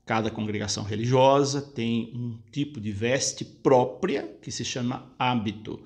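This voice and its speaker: A priest talks through listeners' questions one by one, calm and explanatory. His voice sits at an ordinary male pitch with a gravelly, creaky edge. He restates each point so it is easy to follow. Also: measured pace. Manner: explanatory, patient, repeats points for clarity. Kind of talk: casual spoken Q&A lesson.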